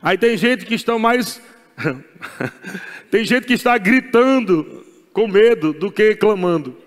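A man's voice: high voice, expressive, takes it slowly, big-room sound. A Brazilian pastor preaching a sermon, emphatic and repetitive, laughing as he preaches. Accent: Brazilian Portuguese.

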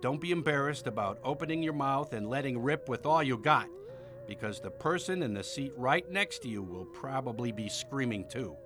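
A man's voice: mid-range voice, expressive, moderate pace, background noise, natural voice. A man playing a gleefully macabre movie huckster with pompous, formal patter in a parody horror promo. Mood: solemn, gleeful.

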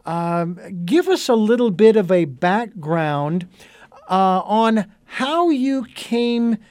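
A middle-aged man with a high voice hosts a radio talk show, wandering through his intro with plenty of "uh"s and restarts. The sound is dry and close, with no room around it. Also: lively intonation, slow, a little mellow, clear, resonant tone, dry recording. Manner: rambling, with many fillers and restarts. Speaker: host.

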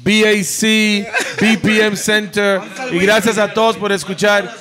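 A man co-hosting a podcast, running through sponsor shout-outs in a joking way. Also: high-pitched, level tone, measured pace, a crowd in the background. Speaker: podcast co-host. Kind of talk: casual chat.

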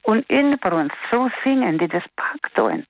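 A woman's voice: medium pitch, sing-song, unhurried. An older woman calling in to a radio show, chatting in a rambling, heartfelt way with many restarts. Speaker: radio caller. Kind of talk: phone-in chat. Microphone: telephone. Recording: lo-fi phone line.

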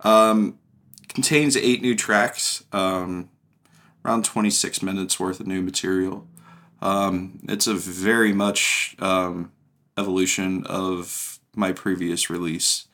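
A man, a music producer, explaining his work haltingly in a casual studio interview. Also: low voice, level tone, fairly bright tone.

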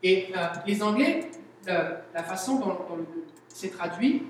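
Quebec French pastor in an echoey hall. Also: male voice, sits high, unhurried, a little hiss or hum. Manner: animated, explanatory, with everyday examples. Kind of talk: sermon teaching. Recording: very echoey hall, mic at a distance.

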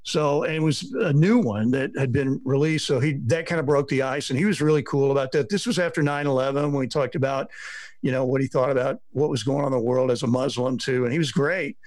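A man's voice: mid-range voice, fairly quick, darkish tone, no room sound. A middle-aged man, a sports reporter, telling rambling stories on a podcast and acting out what people said. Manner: rambling storyteller, acts out quotes. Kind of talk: casual podcast chat.

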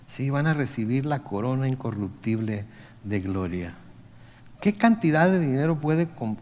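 A male pastor, his voice sitting a little high for a man. He preaches in a conversational way, putting rhetorical questions to the congregation. The sound rings with the long reverb of a church hall. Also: darkish tone. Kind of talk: sermon.

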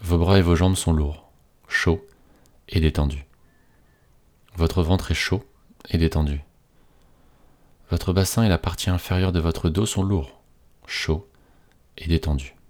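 A man reading a scripted guided relaxation in a slow, soothing, hypnotist-like manner with repetitive phrasing. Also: low-pitched, steady tone, a little mellow.

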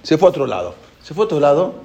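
A man preaches a sermon and tells it as a story. His slightly high voice carries a gravelly edge. It swings widely in pitch as he works through a parable, repeating phrases as he goes. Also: big pitch swings, rapid-fire, warm tone, muffled recording.

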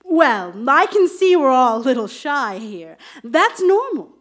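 A woman's voice: sits high, very animated, measured pace, fairly bright tone, full character voice. A woman playing a cheerful, fussy nanny with a sing-song, overly upbeat way of talking, in a live comedy radio play.

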